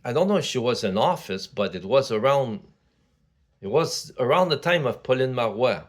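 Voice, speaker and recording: A man's voice: medium pitch, lively intonation, normal speed. Man, sixties, from Quebec, casual vlog monologue, rambling, full of fillers and restarts. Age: 60s. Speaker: vlogger.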